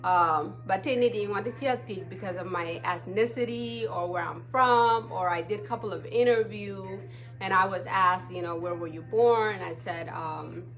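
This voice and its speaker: A woman's voice: medium pitch, normal speed, a bit bright. Woman, casual live stream host, conversational, mid-range voice, faint music behind. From Ethiopia. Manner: chatty, often checks in with "okay?". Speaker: livestream talk show host.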